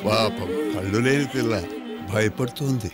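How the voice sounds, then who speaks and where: A man in a dubbed film playing a kindly elder who gently comforts and coaxes a frightened girl. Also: on the low side, moderate pace, over loud music, natural voice.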